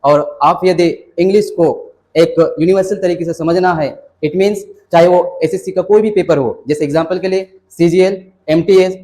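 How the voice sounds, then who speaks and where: High-voiced man teaching grammar. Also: a little mellow. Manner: explanatory, repeats "है ना" and rhetorical questions; mixes Hindi with English terms. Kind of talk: exam-prep lecture.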